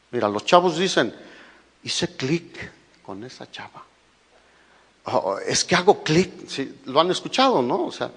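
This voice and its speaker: A man's voice: on the high side, a bit bright. A man with a Mexican Spanish accent preaching a sermon as a pastor, emphatic and full of rhetorical questions to his listeners. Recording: echoey hall recording.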